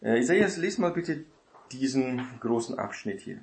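A man teaching a Bible study in a casual lecture style, often adding a quick tag question to check that listeners follow. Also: medium pitch, animated, a little mellow, echoey room.

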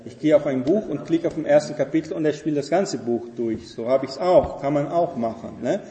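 A man's voice: a little high, a little fast, mellow. A man teaching a Bible study class, explaining step by step and often checking in with his listeners. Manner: explanatory, keeps asking listeners "ne?" and "versteht ihr?". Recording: echoey hall reverb.

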